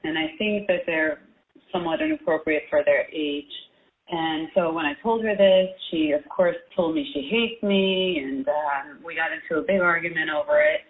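A woman caller's phone voicemail plays on air, thin and tinny with an echoey ring. Her voice sits a little low, and she goes at her message haltingly, pausing with uh and um. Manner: hesitant, with uh and um. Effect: voicemail played over a phone line. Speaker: radio show caller leaving a voicemail.

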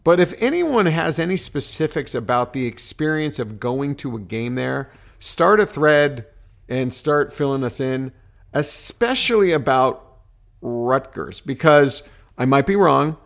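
A man's voice: medium pitch, animated, unhurried, gravelly. A man co-hosting a casual sports podcast, rambling and playful as he interrupts himself. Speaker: podcast co-host.

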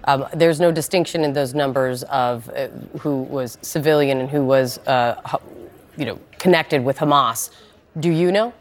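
A woman with a low voice and a standard American accent anchors a live news interview. She questions in a measured, probing way, like a broadcast journalist at work. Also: fairly even intonation.

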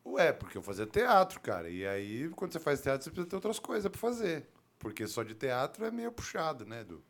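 A man's voice: mid-range voice, big pitch swings, a little fast. A man with a Brazilian accent chatting casually as a talk show guest, telling stories in a joking, self-deprecating way. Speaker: talk show guest, actor and football commentator. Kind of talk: casual chat.

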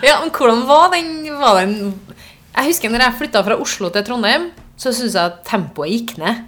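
A woman's voice: a little high, lively intonation, fairly bright tone, a little hiss or hum. A woman hosting a casual, conversational interview. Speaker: interviewer, host.

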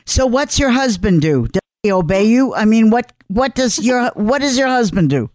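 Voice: mid-range voice, expressive, normal speed, darkish tone, no echo, studio quality. A radio host asking blunt, chatty questions. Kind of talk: radio interview.

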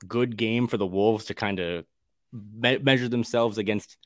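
Man, lowish voice, co-host, casual sports chat, wry, quick restarts, dry close recording. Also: fairly even intonation, dry recording.

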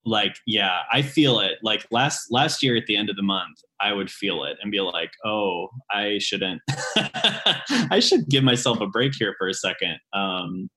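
A ghost tour guide in his late twenties chats casually in an interview at a measured pace. He says "um" a lot and his pitch jumps suddenly and lively.

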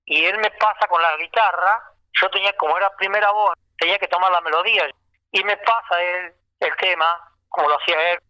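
A man with an Argentine accent, a singer recalling his career in a lively casual anecdote, acting out remembered dialogue. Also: high-pitched, a little fast, no room sound, poor audio.

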